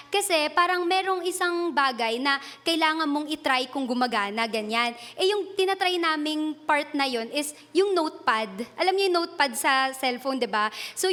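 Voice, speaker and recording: Woman preacher, Filipino accent, high voice, earnest, code-switching sermon. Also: fairly bright tone. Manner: earnest, switching between Tagalog and English; retells a personal story with laughs and self-corrections.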